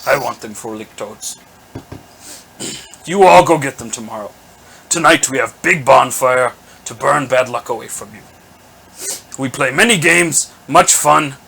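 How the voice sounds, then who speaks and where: A man voicing a boastful male goblin chieftain who booms his orders in broken, grandiose grammar. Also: unhurried, vocal fry, long pauses, pushed and bright, a little hiss or hum. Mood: commanding. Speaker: game master voicing a character.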